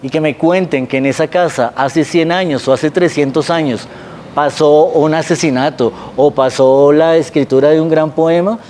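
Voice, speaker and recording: A man's voice: a little high, fairly even intonation, normal speed, darkish tone, slight background noise. A man from Colombia with a Bogotá accent, guiding students through a historic city map in a conversational way and often checking in with his listeners. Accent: Bogotá Spanish. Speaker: guide.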